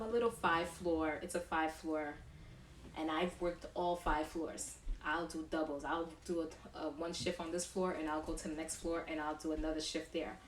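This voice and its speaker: Brief: young woman, low voice, chatty nurse host, roomy echo, sits back from the mic, faint hiss. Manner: chatty, animated when acting out patients. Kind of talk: casual chat answering questions. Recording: echoey room, distant mic, faint noise.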